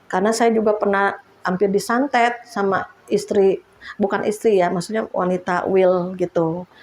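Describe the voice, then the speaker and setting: A woman's voice: mid-range voice, fairly even intonation, normal speed, darkish tone. Chatty woman evangelist preaching. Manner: chatty, laughs often, addresses congregation. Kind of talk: sermon testimony.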